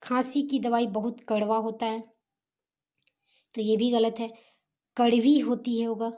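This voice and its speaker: Mellow-voiced woman teaching a lesson. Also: a little high, little pitch movement. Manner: patient, explains slowly with Hindi-English mix. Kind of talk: homework explanation lesson.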